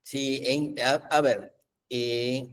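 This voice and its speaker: A man's voice: medium pitch, steady tone, drawn-out words. Man explaining patiently. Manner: patient, explanatory, many fillers and restarts. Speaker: webinar host explaining AI tools. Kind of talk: live webinar Q&A explanation.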